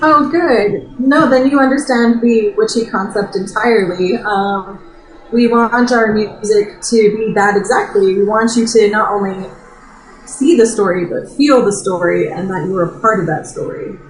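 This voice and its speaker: A woman band member answering interview questions over a video call, light and giggly with halting starts. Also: medium pitch. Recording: roomy video call audio.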